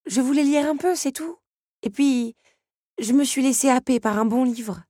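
A woman doing Belle, eager and high. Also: normal speed, mellow, dry recording, clean studio sound. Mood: reassuring. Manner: eager, a little sheepish. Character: kind bookish young woman, cheerful. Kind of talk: storybook reading.

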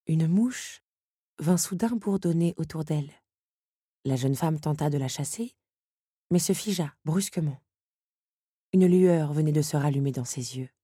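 A woman narrates an audiobook in a measured, even way. Her voice is low, husky and mellow. The recording is dry and close. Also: no echo.

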